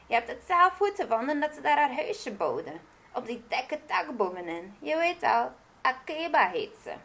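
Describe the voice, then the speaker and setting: A woman's voice: sits high, big pitch swings, normal speed, fairly bright tone, voice pushed up, heavily acted. A woman voicing a queen who longs for a child, speaking hesitantly and pleadingly. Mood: coaxing. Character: fretful young queen longing for a child.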